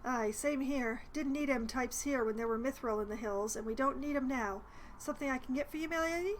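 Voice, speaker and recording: A plain-spoken village innkeeper from a fantasy game, read by a woman. The voice is high and folksy, with old-fashioned respectful phrasing. There is faint noise in the recording. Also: brisk, close to an everyday voice, low-quality recording. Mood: deferential, folksy. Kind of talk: reading video game dialogue aloud.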